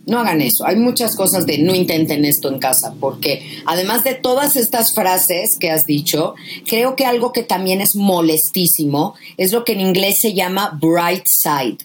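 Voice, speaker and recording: A woman's voice: on the low side, animated, moderate pace, slight background noise. A woman, a guest author giving emphatic, impassioned advice about grief in conversation.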